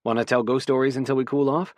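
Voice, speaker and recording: A man's voice: medium pitch, little pitch movement, fast, dry recording, studio quality, lightly acted. A man voicing a chatty, playful young athlete. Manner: playful and eager.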